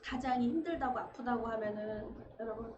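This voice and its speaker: A woman preacher giving a conversational sermon, acting out everyday dialogue with sudden lively bursts. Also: on the high side, fairly quick. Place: church sanctuary. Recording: echoey room, dull lo-fi sound, faint noise.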